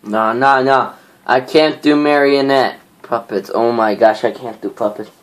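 A man's voice: mid-range voice, steady tone, unhurried. A man vlogging at home on a handheld camera, rambling with fillers and sounding easily frightened. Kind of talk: casual vlog reaction. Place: indoors at home, in a dim room. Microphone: handheld camera mic.

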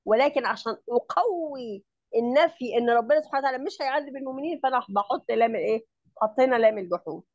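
An Egyptian-accented woman tutors grammar over a video call, her voice pitched a little high and sounding dry and close. She explains each point step by step and keeps asking whether her student follows. The call audio is somewhat muffled and lo-fi. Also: no room sound. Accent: Egyptian Arabic. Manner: explains step by step, checks understanding often. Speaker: Arabic grammar teacher. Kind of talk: online tutoring lesson.

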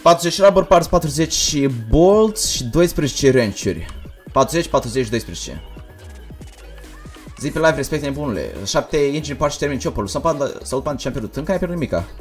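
Fast-talking gaming streamer. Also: male voice, a little high, soft background music. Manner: fast, energetic talk, reading chat aloud. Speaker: gaming livestreamer. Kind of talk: casual livestream commentary.

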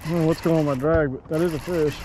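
A man's voice: fairly high pitch, fairly even intonation, racing, background noise. A man fishing from a boat with a friend, teasing him and laughing. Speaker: fishing partner. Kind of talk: casual banter while fishing. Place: outdoors on a boat on a lake.

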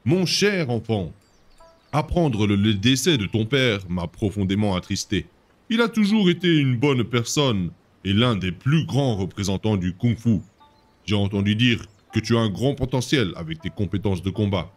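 A man voicing a dignified uncle in a game, reading his letter slowly and evenly. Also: fairly low pitch, animated, voice pushed down. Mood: measured. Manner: slow, measured reading.

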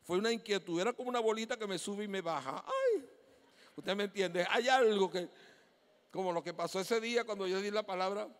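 Middle-aged Venezuelan male pastor, animated storyteller, high-pitched, preaching in a reverberant church hall. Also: brisk. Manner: animated storytelling, acting out dialogue. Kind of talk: sermon.

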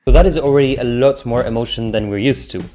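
A man's voice: medium pitch, fast talker, warm tone, faint music behind. Chatty man hosting a tech video. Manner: chatty, joking asides. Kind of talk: casual commentary.

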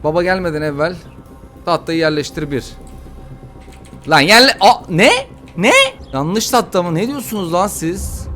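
A man giving excitable, slangy let's-play commentary while playing a game, often frustrated. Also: high voice, normal speed, faint music behind. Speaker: gaming YouTuber.

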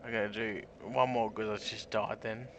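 A man, hosting drunken gameplay commentary with loud swearing and laughing outbursts. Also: fairly low pitch, little pitch movement, moderate pace, slight background noise. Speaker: gaming channel host.

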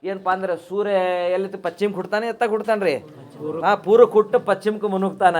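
Male preacher, rather high voice, rhetorical sermon delivery. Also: steady tone, fast, darkish tone. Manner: rhetorical questions answered himself, chants verses.

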